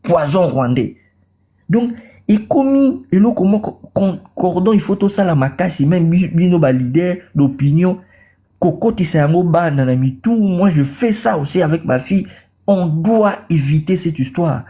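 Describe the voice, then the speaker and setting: Calling into a debate, a man from Congo talks politics with fervor in a Congolese French accent, repeating himself and dropping in Lingala words. He sounds high-pitched yet dark in tone, animated, and speaks at normal speed.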